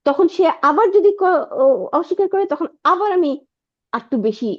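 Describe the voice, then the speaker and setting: A woman's voice: extremely high pitch, lively intonation, moderate pace, dull audio. A woman teaching an Arabic lesson online, patiently repeating words and checking that her student follows.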